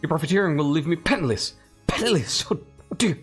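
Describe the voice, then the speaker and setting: A man's voice: on the high side, animated, fast talker, slightly rough, soft background music, voice pushed up. A man voicing panicky, pompous council nobles in a melodramatic, flustered read-aloud of game dialogue. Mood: panicked.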